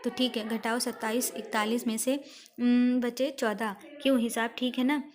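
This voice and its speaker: A woman plays a stern, lecturing householder who nags over money and then delivers a moral speech. The voice sits a little high and stays flat, reading steadily like a schoolbook play. Firm and measured throughout. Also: close to an everyday voice. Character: stern scolding middle-aged male householder.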